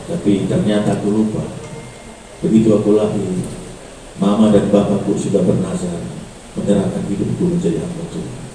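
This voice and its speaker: A middle-aged man preaching a sermon to a school assembly, telling a story with animated swings from hushed to loud. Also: on the low side, normal speed, slight background noise. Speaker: pastor. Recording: echoey room, distant mic, faint ambience.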